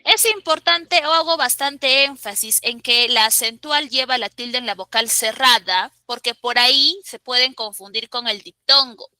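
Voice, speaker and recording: A woman's voice: on the high side, normal speed, few pauses, pushed and bright, dry recording, rough recording. A woman teacher leading a classroom grammar lesson, emphatic and quizzing her students step by step. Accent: Peruvian Spanish.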